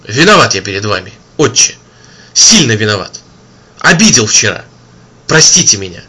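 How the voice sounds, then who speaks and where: A man voicing a scheming agent who confesses in a low, hurried, mock-tearful way. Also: very animated, bright, forceful tone, husky, full character voice. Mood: feigned remorse.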